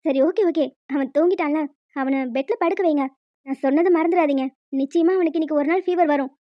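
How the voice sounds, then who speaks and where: A woman voicing a brisk, matter-of-fact young doctor in a cartoon, a little teasing. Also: high voice, dry recording, lo-fi sound, natural voice. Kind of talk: cartoon voice acting.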